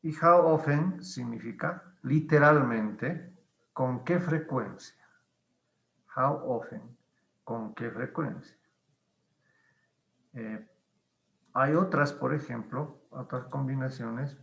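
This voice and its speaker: Guy teaching english, slow and patient, lots of ums, gravelly voice. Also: mid-range voice, fairly bright tone, roomy sound, dull audio. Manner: patient, explains slowly with many pauses and fillers. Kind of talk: online class explanation.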